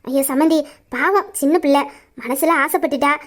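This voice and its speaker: A woman's voice: sits high, normal speed, lightly acted. A woman voicing an emphatic, doting middle-aged mother-in-law in an amateur audio drama. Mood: persuasive. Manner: emphatic, persuasive.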